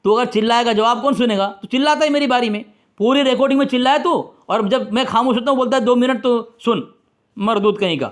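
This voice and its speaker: High-voiced combative man debating. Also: quick pace. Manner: combative, accusing, repeatedly addressing listeners. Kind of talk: heated religious debate.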